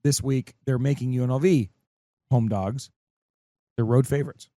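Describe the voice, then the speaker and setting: A man's voice: medium pitch, normal speed, warm tone, no echo, studio quality. A man hosting a sports podcast in casual, rambling chat, full of likes and fillers. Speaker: podcast host.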